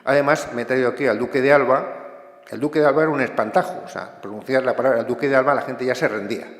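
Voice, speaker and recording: An impassioned man with a Spanish accent speaks at a book presentation, getting carried away and pausing on frequent hesitations. His voice sits at a middle pitch and carries a long, roomy echo from a large hall. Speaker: book author. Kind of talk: lecture-style book presentation. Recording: echoey hall.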